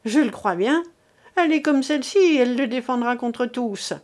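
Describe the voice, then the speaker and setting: A woman's voice: high-pitched, lively intonation, moderate pace, darkish tone. A woman reading aloud as a frightened, bitter middle-aged man lashing out with harsh scorn. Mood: scornful.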